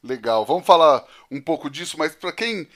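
A man's voice: a little high, lively intonation, moderate pace, a bit bright. A man hosting an interview podcast, introducing his guest in an upbeat way. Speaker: podcast host.

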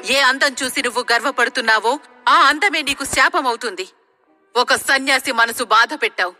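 A woman's voice: high voice, moderate pace, pushed and bright, long reverb tail, faint music behind. A woman voicing an enraged wandering holy man who hurls a curse, speaking in a thundering, indignant way. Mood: wrathful.

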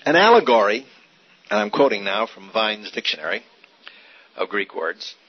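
Husky, animated male Bible teacher. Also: on the low side, normal speed. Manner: animated, rhetorical questions, repeats key points. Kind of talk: teaching sermon. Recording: dull lo-fi older recording.

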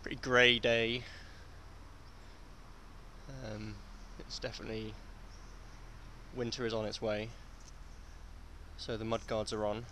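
A man's voice: on the low side, flat delivery, takes it slowly, long pauses, pushed and bright. A young English man talking casually to a camera on his bike outdoors, out of breath from the climbs. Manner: chatty, breathless between climbs. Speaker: cycling vlogger. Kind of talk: casual vlog talk to camera. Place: outdoors on a bike on country lanes. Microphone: action camera on the bike, close. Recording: wind and road noise behind.

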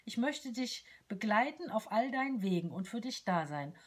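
A tiny cheerful companion doll, voiced by a woman reading a letter aloud, bubbly and playful. Her pitch bounces lively up and down, and the voice has a husky edge. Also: normal speed. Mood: chirpy, tender.

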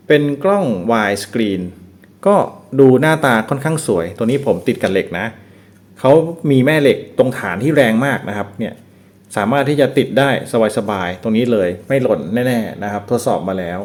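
A man giving a relaxed, casual product review, explaining each feature step by step. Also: fairly low pitch. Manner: relaxed, explains step by step with frequent polite particles.

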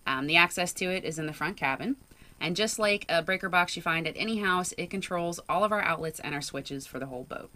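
A woman in her thirties, a sailing vlogger, explaining her boat's power setup in a clear, informative tour-guide way from inside a cramped engine room. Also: on the low side, fairly quick, pushed and bright.

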